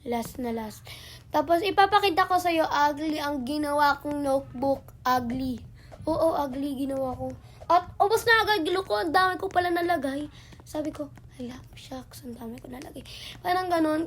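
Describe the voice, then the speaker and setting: A young woman with a high voice chats through her gameplay as a YouTuber, rambling and full of fillers. She drifts between two languages as she talks. A faint hiss sits under her voice. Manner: chatty, mixing Tagalog and English, rambling with fillers. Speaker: gaming YouTuber. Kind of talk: casual gameplay commentary. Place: home in America.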